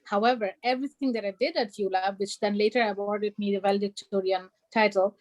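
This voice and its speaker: A young woman from Bangladesh who was raised in Germany speaks earnestly as an alumna on an online panel. She is emphatic and peppers her talk with "you know" and "like." Her medium-pitched voice is brisk and fairly even, on a low-quality recording.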